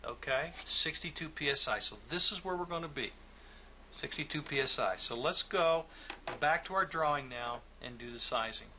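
A plumbing instructor gives an instructional walkthrough of a technical lesson, patiently and methodically talking through each figure at normal speed. His voice is bright and forceful at an ordinary pitch, with a faint hiss underneath.

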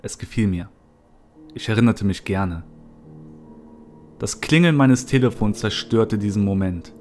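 A man narrating a horror story in the first person, in a somber, low-key manner. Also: measured pace, a little hiss or hum. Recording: soft music behind.

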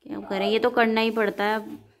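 A woman's voice: mid-range voice, little pitch movement, a little fast. A young woman chatting casually in a home vlog, talking with her family and coaxing her pet to come over. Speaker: vlogger.

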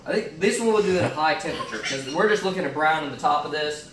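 Expressive, fast, and fairly bright, this young man's high-leaning voice carries a casual cooking demo from his home kitchen. He's a fitness vlogger talking through meal prep, thinking aloud with lots of fillers. The far-off camera mic on a stand captures an echoey, noisy sound.

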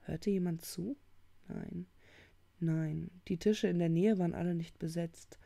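A woman reading a novel aloud at home into a new microphone with steady, measured narration. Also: on the low side, gravelly, no echo. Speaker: audiobook reader.

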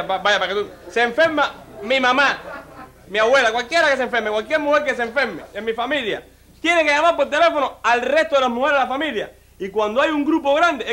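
A man's voice: very high-pitched, pushed and bright, a little hiss or hum. A man with a Cuban accent doing a stand-up comedy routine on stage, talking straight to the audience with lots of "mira" and "listen". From Cuba. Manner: chatty, addresses the audience directly, lots of "mira" and "óyeme".

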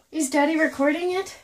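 High-pitched shivering young woman, gasping with cold. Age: young adult. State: freezing cold in ice water. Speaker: challenge participant. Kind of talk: casual chat during a stunt. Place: small tiled home bathroom, in the tub. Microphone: handheld phone held by another person. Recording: noisy phone recording, distant from mic.

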